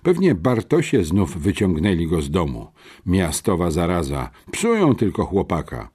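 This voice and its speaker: A man's voice: low voice, huge pitch swings, normal speed, darkish tone, husky, exaggerated voice. A man voicing an angry young farm girl who is the older sister, speaking sharply and irritably. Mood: agitated.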